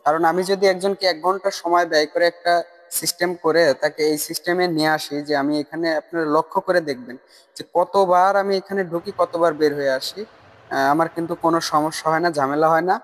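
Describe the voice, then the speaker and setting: A man with a fairly high, steady voice talks fast in a casual tutorial voice-over, explaining insistently, repeating himself and calling viewers "brother." His voice carries a long reverb, recorded separately from the screen capture.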